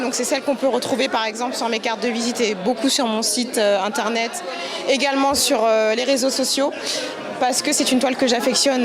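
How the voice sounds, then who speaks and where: A woman in her thirties from France talks about her paintings in a casual, reflective way, often pausing to find her words. Her voice sits a little high. Clear music and a crowd carry on behind her. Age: 30s. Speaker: painter presenting her work. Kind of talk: casual self-presentation.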